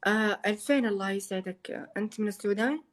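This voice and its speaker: Man doing a woman's voice as a quick-talking, polite young woman. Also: sits high, close to an everyday voice. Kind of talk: casual live-stream chat.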